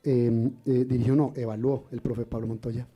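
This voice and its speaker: A man, a singer and poet explaining rhythm in poetry in a relaxed café talk. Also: mid-range voice, moderate pace, husky, muffled recording. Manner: explanatory, chants rhythm syllables. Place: café event in Cali.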